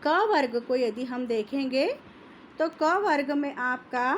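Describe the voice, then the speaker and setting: Woman teacher, high voice, deliberate pace, faint background noise. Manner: slow, careful, repeats sounds for pupils to copy. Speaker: Hindi teacher. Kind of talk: classroom lesson.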